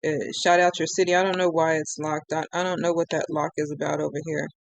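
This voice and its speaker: A woman's voice: low-pitched, little pitch movement, fast, creaky, no echo. A woman ranting on a live stream, frustrated and close to tears, rambling with many restarts. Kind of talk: emotional live-stream rant.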